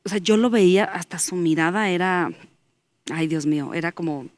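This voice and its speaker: A woman's voice: on the low side, normal speed, dry recording. A woman, a guest giving an earnest faith testimony as she tells a story and acts out the dialogue in it.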